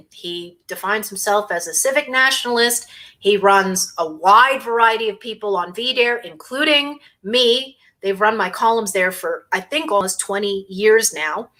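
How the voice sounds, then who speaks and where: A woman hosting a casual livestream in a bright, sharp voice. She talks with biting sarcasm and scorn. She sometimes chews on food between remarks. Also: mid-range voice, measured pace. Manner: eating while talking. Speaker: host.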